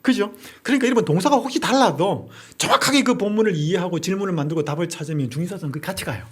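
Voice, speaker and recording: Husky, fairly high-voiced male pastor lecturing. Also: expressive. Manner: drills the audience with rapid question-and-answer; asks and answers his own rhetorical questions. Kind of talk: Bible-study lecture.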